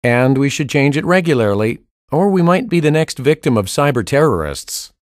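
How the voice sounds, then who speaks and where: A man voicing the male parts of a school listening test with clear, evenly paced delivery. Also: medium pitch, big pitch swings, normal speed, no room sound. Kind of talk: scripted test dialogue reading. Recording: dry studio recording.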